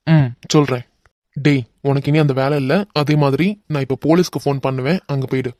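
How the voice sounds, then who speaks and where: A man's voice: mid-range voice, level tone, fairly quick, a little mellow, dry recording, clean studio sound, close to an everyday voice. A man voicing a hot-tempered young man who mocks and threatens a crook, with a Kanyakumari Tamil accent, in a cartoon. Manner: threatening, mocking.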